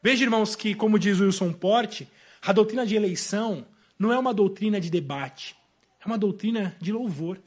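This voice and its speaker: A Brazilian-accented male preacher giving an evening sermon with a very high voice for a man. He preaches emphatically and often sinks suddenly to a hushed tone. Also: fairly quick. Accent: Brazilian Portuguese. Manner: emphatic, with sudden drops to a soft voice.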